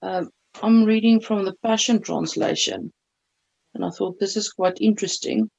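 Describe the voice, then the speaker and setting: A woman's voice: medium pitch, normal speed, vocal fry, darkish tone. A middle-aged woman on a video call reading a Bible passage aloud and remarking on it. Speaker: bible study participant. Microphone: webcam on a video call. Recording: dull lo-fi video call audio.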